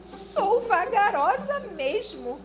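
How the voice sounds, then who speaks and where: A woman's voice: extremely high pitch, sing-song, drawn-out words, voice pushed up, heavily acted. Bilila, a woman doing a shy sighing turtle. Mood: wistful. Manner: soft, plaintive and sighing. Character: shy gentle patient female turtle. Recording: music playing underneath.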